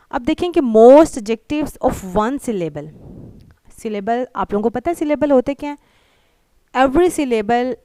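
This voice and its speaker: Woman, English tutor, smooth voice, dry close sound, patient, repeats words slowly. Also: medium pitch, a little mellow, no room sound. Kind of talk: grammar lesson explained in Hindi-Urdu with English examples.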